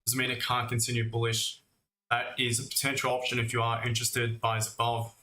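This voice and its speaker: A man with a mid-range, monotone voice, bright and forceful, speaks briskly while hosting a live trading stream. He keeps things casual, talking to viewers as "mate" and "guys" like friends, even though he's recovering from a cough and a lost voice. A roomy echo and faint music color the sound.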